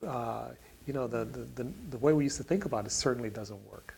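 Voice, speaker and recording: A man's voice: mid-range voice, brisk, gravelly, darkish tone, low-quality recording. A man on a discussion panel answering a question, talking in a rambling way with many fillers and restarts.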